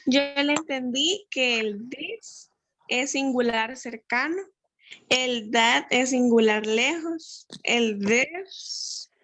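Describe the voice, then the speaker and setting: Slow, high-voiced student woman. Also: a bit bright. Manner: careful, slow recital of rules. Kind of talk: answering in class.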